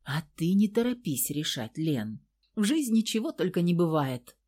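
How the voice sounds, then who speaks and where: A worried older mother coaxes her daughter in soft, gentle pleas, voiced by a woman reading the story. The voice stays protective and tender. Her speech stays homely and simple. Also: on the low side, very animated, normal speed. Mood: coaxing. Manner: coaxing, gentle pleading.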